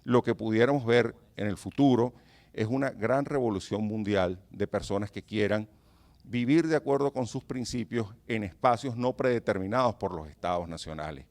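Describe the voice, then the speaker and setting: A man's voice: fairly low pitch, normal speed, darkish tone. A Venezuelan man with a Venezuelan Spanish accent giving a public lecture as a professor, earnest and emphatic, putting rhetorical questions to his audience.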